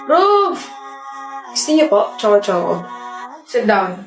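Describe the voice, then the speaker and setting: A young woman acting out comedy skits in a playful, animated way. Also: on the high side, moderate pace, soft background music. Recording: echoey room.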